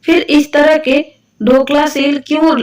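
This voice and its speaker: A woman voicing a calm, educated young working wife who argues her point patiently. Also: sits high, unhurried, echoey room, recorded from a distance, pitched above the performer's own voice. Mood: reasoning. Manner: calm, reasoning.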